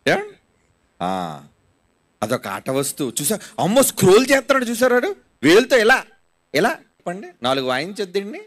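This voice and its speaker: Animated Telugu preacher, lively high voice. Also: male voice, normal speed, long pauses. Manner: mocking, rhetorical, constantly asking the audience. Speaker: pastor. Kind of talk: sermon.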